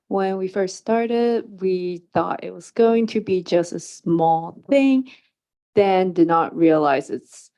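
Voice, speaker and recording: A woman's voice: fairly low pitch, mellow. Public testifier, woman, earnest and hesitant, dull lo-fi hearing-room recording. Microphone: table microphone.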